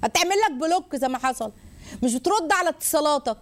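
A woman with an Egyptian Arabic accent hosting a religious advice talk, lively and rhetorical, listing points and mimicking people. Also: high-pitched, quick pace. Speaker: host.

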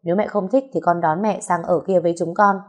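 A woman's voice: on the low side, steady tone, brisk, close to an everyday voice. A woman reading the part of a firm, earnest middle-aged man pressing his mother. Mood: persuading. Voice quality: earnest, persuasive.

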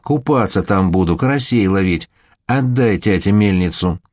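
A man reading the lines of a foolish young man who yells his demands. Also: fairly low pitch, expressive, moderate pace, dry recording, studio quality, natural voice. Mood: demanding. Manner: yelling, demanding. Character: foolish shouting young man, son-in-law.

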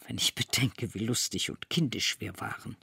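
A man giving a measured, expressive scripted literary reading. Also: on the low side, gravelly, slightly rough, dry recording, clean studio sound. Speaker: reader.

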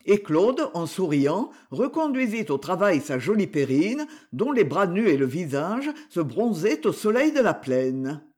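A man narrating a literary audiobook in a measured, expressive way. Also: sits high, slightly rough.

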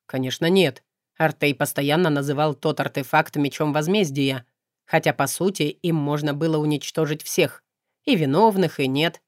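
A woman reading an audiobook voices a stern, brooding young nobleman in a lowered, clipped voice. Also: moderate pace, no echo, clean studio sound, lightly acted. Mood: restrained.

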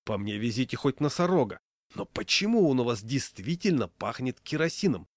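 A man's voice: medium pitch, sing-song, fairly quick, dry recording, studio quality, close to an everyday voice. A man reading a story, voicing an irritated elderly male passenger who grumbles at the fuss.

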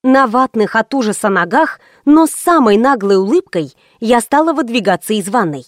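A woman narrating a first-person audiobook with lively, ironic storytelling. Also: on the high side, moderate pace, no room sound, studio quality.

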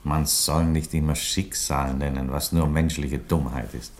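Voicing a calm, reasonable, ironic Roman emperor with a love of chickens, this male actor speaks in a very deep voice in theatrical radio-play dialogue. His tone is one of measured reproach, delivered with philosophical, drily courteous restraint.

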